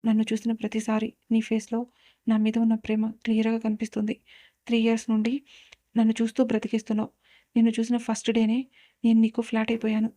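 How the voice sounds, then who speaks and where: A smitten, teasing young man in a storybook reading, thinking tender words to himself, as a woman narrator puts him on. The delivery is quick and flat, with a fairly high, mellow voice. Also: close to an everyday voice.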